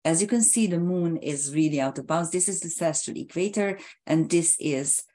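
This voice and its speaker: A woman astrologer explaining a chart in a halting, hesitant way, hoarse as she is losing her voice. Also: deep voice, mellow. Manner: halting and hesitant, with frequent filler sounds and restarts.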